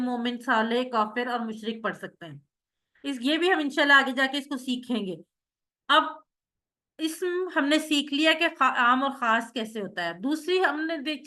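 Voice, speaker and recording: A woman's voice: high voice, pushed and bright. A woman teaching Arabic grammar in an online class, explaining patiently step by step and calling on students.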